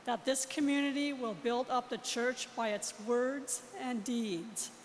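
A woman, a lector, reading the prayers of the faithful slowly and carefully in a large church. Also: a little high, fairly even intonation. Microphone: far camera. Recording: long church reverb, faint noise, far camera.

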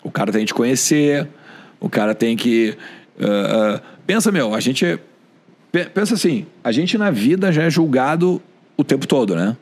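A husky-voiced man with a Gaúcho accent chats on a podcast as a sports journalist. He tells anecdotes casually and acts out the voices of the people he quotes, at an ordinary middle pitch. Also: lively intonation, normal speed, darkish tone. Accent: Gaúcho Brazilian Portuguese.

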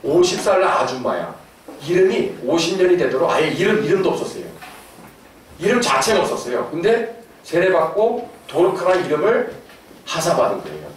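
Middle-aged male lecturer, slightly high voice, animated and joking, caught from far off in an echoey hall. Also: moderate pace, a little hiss or hum. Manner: animated, laughing asides, questions to the audience. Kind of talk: lively lecture to an audience.

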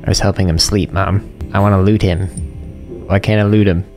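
A middle-aged man giving casual live gameplay commentary in a deadpan, unimpressed, dryly joking way. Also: low-pitched, fairly quick, over music. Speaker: game streamer. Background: video game sounds.

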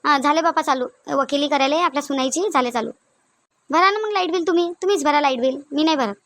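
In this comedic cartoon scene, a woman plays a bossy mother-in-law who is stingy and quick to anger, griping in a high, slightly bright voice with a Varhadi Marathi accent from Vidarbha. Irritated and speaking fast, she nags through repeated rhetorical questions. The recording is close and dry, without echo.

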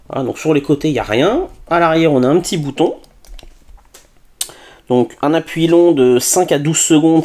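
A man's voice: medium pitch, dark tone. A man doing a chatty product unboxing as a tech reviewer, tossing in little interjections and hesitations as he goes. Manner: chatty, with frequent "hop" and hesitations.

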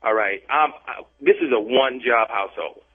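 Over a thin, tinny phone line with a narrow band, a prank call target speaks in an unscripted conversation. His medium-pitched voice is brisk as he protests and keeps repeating himself.

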